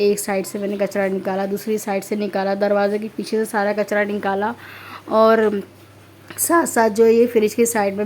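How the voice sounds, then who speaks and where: Woman, thirties, hoarse, chatty home vlog voice-over, many fillers, medium pitch. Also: a little mellow, slight background noise. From Pakistan. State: hoarse throat. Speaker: vlogger, homemaker. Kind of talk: casual voice-over narration.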